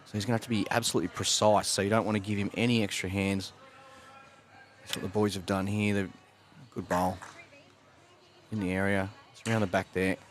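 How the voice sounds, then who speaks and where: A man doing relaxed, conversational live commentary on a sports broadcast. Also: lowish voice, a little fast, pauses often.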